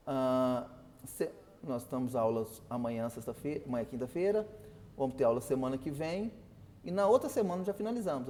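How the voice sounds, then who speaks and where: A man's voice: medium pitch, warm tone, big-room sound, slight background noise. A man teaching a customer service class, explaining and asking his students questions. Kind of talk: online class lecture.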